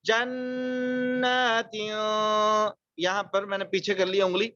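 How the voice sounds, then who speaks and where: Man, recitation teacher, high voice, quick explanations, slow drawn-out recited words, dry dull audio. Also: completely flat delivery, fairly bright tone, no echo. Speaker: Quran tajweed teacher. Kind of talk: online recitation lesson.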